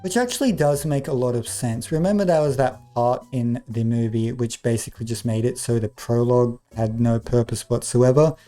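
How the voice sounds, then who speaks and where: A man's voice: mid-range voice, normal speed, hardly any pauses, warm tone, soft background music. A man giving comedic review commentary, sarcastic and exasperated, swearing often. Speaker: movie reviewer.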